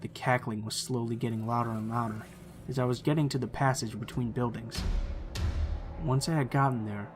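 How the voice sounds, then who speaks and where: A man reading a true scary story aloud as the channel's narrator, in a steady, measured storytelling delivery. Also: mid-range voice.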